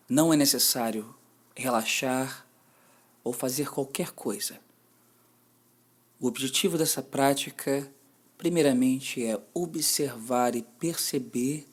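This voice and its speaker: Speaking at a medium pitch with a breathy edge, a man with a Brazilian Portuguese accent leads a mindfulness session. He delivers his instructions gently and deliberately, pausing at length between them.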